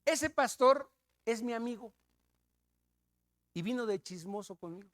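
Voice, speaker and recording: A man with a Mexican accent preaching a sermon, telling a story with loud emphasis and hushed asides. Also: very high-pitched, animated, a little slow.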